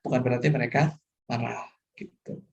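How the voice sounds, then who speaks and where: A man's voice: mid-range voice, steady tone, fairly quick, gravelly, darkish tone. A middle-aged male lecturer, explaining course material and often checking that students follow, mixing English terms into his talk. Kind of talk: online lecture.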